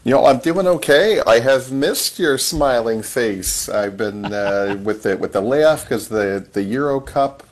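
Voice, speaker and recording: A man's voice: mid-range voice, animated, measured pace, few pauses. A man joining a radio show remotely, speaking with dry humor. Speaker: money segment regular. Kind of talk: casual radio talk. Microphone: remote link.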